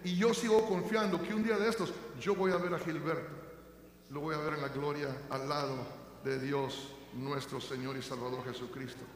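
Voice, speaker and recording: An older man preaching a sermon as pastor, shifting between fervent loud proclaiming and quiet tender storytelling. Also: on the high side, fairly even intonation, normal speed, a little hiss or hum. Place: church sanctuary. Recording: echoey church hall.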